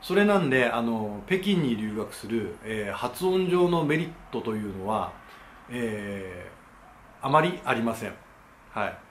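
A man's voice: medium pitch, big pitch swings, unhurried. Man, channel host, polite casual explainer, frequent fillers, echoey room, faint background hum. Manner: polite, lots of hesitation fillers. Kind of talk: casual explainer talk to camera.

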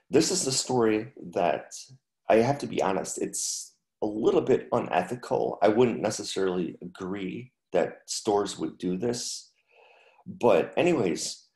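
A man with a low, gravelly voice lectures slowly over a video call, stumbling and restarting often. The sound is roomy and echoey. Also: darkish tone. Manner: halting, many restarts and fillers. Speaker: teacher. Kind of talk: online class lecture.

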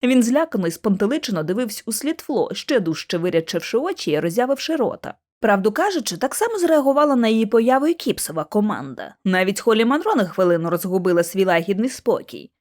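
A woman narrating a bedtime audiobook in an animated, expressive reading voice. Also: mid-range voice, quick pace, hardly any pauses.

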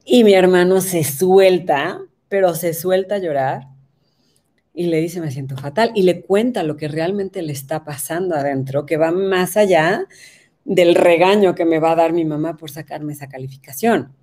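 A woman in her thirties talks through a personal story about her family and schoolwork. Her voice sits low and mellow, soft at the edges. She keeps it conversational and often turns to ask the listener if they agree. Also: normal speed. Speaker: parenting educator.

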